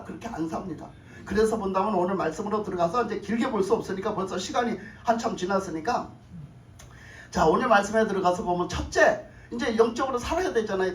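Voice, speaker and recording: A woman's voice: mid-range voice, lively intonation, quick pace. Woman pastor preaching in an echoey church. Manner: questions the congregation, repeats phrases, chuckles. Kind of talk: sermon. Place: church sanctuary. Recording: echoey room, voice from far off, faint noise.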